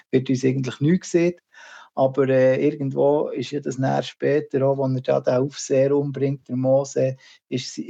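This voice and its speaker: A man's voice: a little high, gravelly, warm tone, breathy edge. A man with a Swiss German accent reflecting thoughtfully as a radio guest. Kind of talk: reflective conversation. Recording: dull lo-fi sound.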